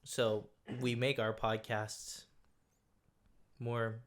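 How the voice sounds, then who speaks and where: A man's voice: mid-range voice, little pitch movement, extremely slow, slight background noise. A young man co-hosting a casual podcast chat, rambling and hesitant with many fillers. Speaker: podcast co-host.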